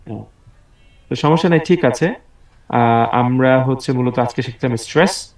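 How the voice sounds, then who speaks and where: A man's voice: mid-range voice, moderate pace. A man teaching an online English class over a video call, patient and encouraging as he drills words aloud. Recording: roomy, distant video call audio.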